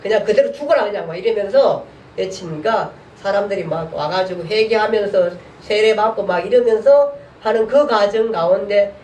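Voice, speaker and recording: A man's voice: high-pitched, moderate pace, a little mellow. A male pastor leads a Bible lesson in an easy, talky manner and keeps turning questions back to the class. His voice rings through an echoey church room and reaches the mic from a distance, with faint ambient noise behind it. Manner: colloquial, asks the class questions. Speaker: pastor teaching a Bible course. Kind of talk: casual Bible class lecture.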